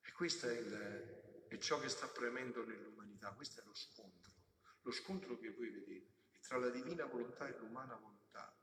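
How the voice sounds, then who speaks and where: A man's voice: medium pitch, fairly quick, a bit bright, slight background noise. A man, a friar, preaching a homily in an emphatic, fatherly way, with casual asides to the congregation. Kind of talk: sermon. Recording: echoey hall, distant mic.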